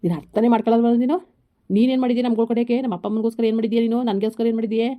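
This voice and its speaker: In this village comedy skit, a woman voices a harried husband squeezed between wife and mother, and her mood is bitter, exasperated and scolding. She races along in a fairly high, natural voice with fairly even intonation. The recording is lo-fi and slightly dull.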